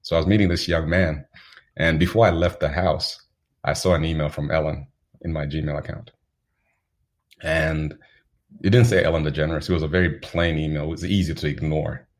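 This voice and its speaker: A man from Zambia speaks as an interview guest, his voice extremely low and rough with fry. He tells his stories at an unhurried pace, holding his pitch level and even, and he chuckles now and then. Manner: unhurried, anecdotal, chuckles while telling stories. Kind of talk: reflective storytelling in an interview.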